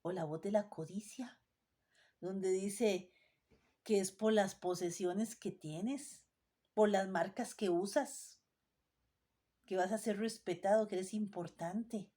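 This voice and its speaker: A woman preaching to her congregation in a mellow, warm tone. She speaks with emphasis, poses rhetorical questions and repeats her points. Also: medium pitch, slow, long pauses. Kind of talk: sermon.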